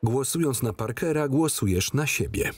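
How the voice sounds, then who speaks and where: Guy doing a film voice-over, clear and even, lots of pitch movement, reads all the roles himself. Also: dry recording. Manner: reads every role in his own voice, clear and measured. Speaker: voice-over reader. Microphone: studio voice-over, recorded apart from the film.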